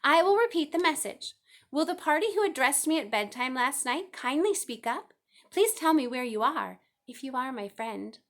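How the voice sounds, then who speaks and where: Lady doing a young boy piglet in a kids book, anxious n polite, voice goes up high. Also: very animated, normal speed, a bit bright, heavily acted. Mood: formal, insistent. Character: earnest, anxious young male pig, polite and naive. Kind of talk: children's storybook read-aloud.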